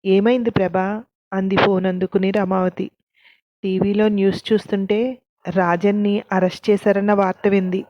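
A woman narrating a scripted story, reading every character's lines in the same even narrating voice. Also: mid-range voice, moderate pace, no echo, highs cut off.

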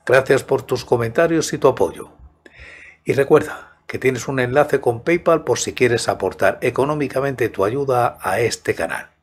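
A man in his sixties narrating a scripted story in a measured, soft-spoken way, close to a studio microphone. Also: medium pitch, slightly rough. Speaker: host and narrator of horror audiobook channel. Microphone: large studio microphone close to the mouth, headphones.

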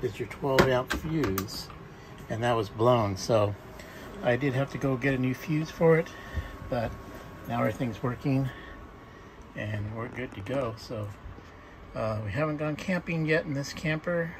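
A man filming a walk-through of his camper trailer on a handheld phone, explaining things in a plain, halting way with many ums and restarts. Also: medium pitch, a little hiss or hum, poor audio. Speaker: camper owner showing a solar install. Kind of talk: casual walk-through narration. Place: outdoors and inside a small camper trailer.

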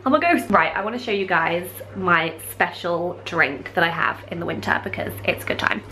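A woman's voice: lowish voice, lively intonation, normal speed, sharp tone, slight background noise. A young woman vlogging in a chatty, bubbly way, a bit stuffy from a cold. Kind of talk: casual vlog chat.

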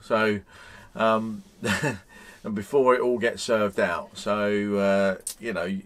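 A man's voice: on the low side, level tone, slow, a bit bright, a little hiss or hum. A man in his fifties chatting casually to camera from inside a motorhome, rambling with frequent ums and restarts. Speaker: vlogger. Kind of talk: casual vlog chat.

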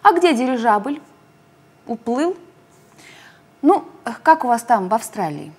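Brief: woman voicing cheerful curious hare, lively pitch, slightly husky. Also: takes it slowly, exaggerated voice. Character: playful curious young hare.

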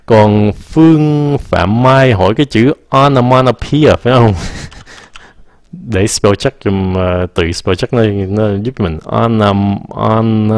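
A low-pitched man talks through English pronunciation at an unhurried pace, drawing words out to demonstrate them. He mixes two languages and chuckles at his own mistakes. The sound is dry and close, with keyboard typing behind him. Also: no room sound. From Vietnam. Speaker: English teacher answering viewer questions. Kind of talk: casual live-stream English lesson.

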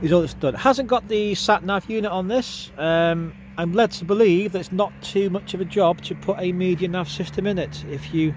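A man's voice: high-pitched, moderate pace, hardly any pauses. A man with a cold giving a casual, chatty walkaround sales presentation of a used car. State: congested with a cold. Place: outdoors at a car lot, walking around a car. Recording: outdoor handheld video with clear background noise.

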